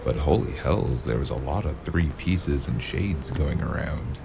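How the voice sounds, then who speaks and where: A male actor as a world-weary noir detective figure, rumbling extremely low with a gravelly creak. He is dry, clipped and sardonic, taking his time as in a hardboiled audio drama. Clear noise sits behind the voice. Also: animated, measured pace, exaggerated voice. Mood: weary, brooding.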